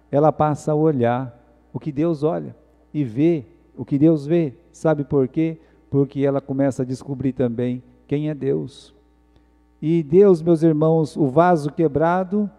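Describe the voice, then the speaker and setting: A man with a Brazilian Portuguese accent preaching a sermon in church, asking rhetorical questions and swinging between loud emphasis and quiet asides. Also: fairly high pitch. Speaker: pastor. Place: church sanctuary. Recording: long church hall reverb.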